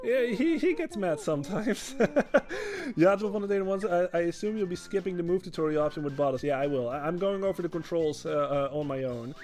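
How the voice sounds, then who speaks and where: A man's voice: high voice, expressive, fast, hardly any pauses, darkish tone. A male streamer giving loose gaming livestream commentary, reading chat aloud and explaining the controls. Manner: rambling, with many fillers and restarts while explaining controls; reads chat messages aloud.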